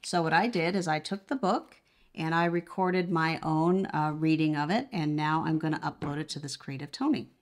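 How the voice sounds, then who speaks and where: Demonstrating a product step by step, this reviewer talks in a casual, conversational manner. Her voice is strikingly low in pitch, and she moves at a moderate pace.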